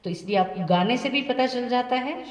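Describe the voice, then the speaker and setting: A woman's voice: on the high side, normal speed. A woman teaching music theory to students, patiently asking questions and answering them herself. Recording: echoey room, voice from a distance.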